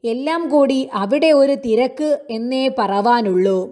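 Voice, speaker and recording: A woman reading a classic novel aloud in a measured storytelling manner. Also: a little high, darkish tone. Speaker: book reader.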